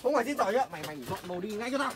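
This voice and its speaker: A man's voice: high-pitched, animated, racing, crowd noise. A man playing a barking, rude landlord. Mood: angry. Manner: barking orders, rude and scolding. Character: harsh, impatient male landlord. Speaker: landlord evicting a tenant. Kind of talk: staged home drama.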